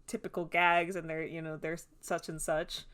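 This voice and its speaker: A woman's voice: sits low, level tone, normal speed, fairly bright tone, smooth. A woman co-hosting a podcast in casual chat, rambling with many fillers and often breaking into giggles. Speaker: podcast co-host.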